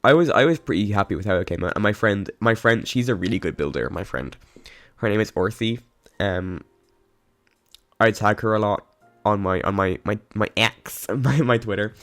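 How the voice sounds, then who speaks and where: A man with a hoarse, coughing voice gives a casual, rambling voice-over about a game build, with lots of ums, restarts and giggles. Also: on the low side, expressive, moderate pace, fairly bright tone. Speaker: game builder narrating a speedbuild. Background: faint background music.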